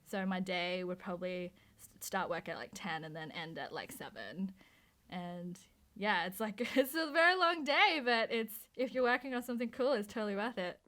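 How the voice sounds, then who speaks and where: This woman's mid-range voice is sharp in tone and lively in intonation, moving at normal speed. In her thirties, a Hong Kong–born motion designer raised in Australia, she answers questions about her design work chattily, full of fillers and restarts.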